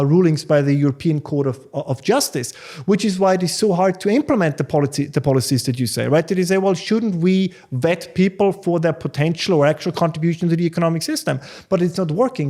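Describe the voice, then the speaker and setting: Man, fairly high pitch, earnest, emphatic, interview guest. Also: darkish tone. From Austria. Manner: earnest, emphatic, many restarts. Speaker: guest, academic. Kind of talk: conversational interview.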